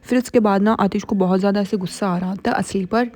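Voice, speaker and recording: A woman's voice: mid-range voice, fairly even intonation, fast talker, a little mellow. A woman hosting a drama recap, telling the story in a chatty, casual way with frequent fillers.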